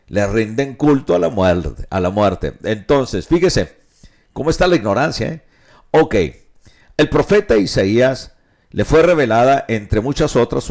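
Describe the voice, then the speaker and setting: A man's voice: mid-range voice, a little mellow. A male pastor teaching the Bible on radio, explaining passages, asking rhetorical questions and repeating his points. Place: radio studio.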